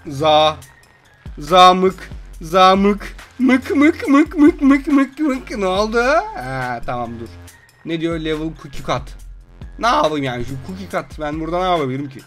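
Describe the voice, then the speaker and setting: Turkish guy yelling and cursing over a game, high jumpy voice, bit of music underneath. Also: normal speed, pauses often. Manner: loud, swearing, frequent outbursts and laughs. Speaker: gaming video host. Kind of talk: excitable gameplay commentary.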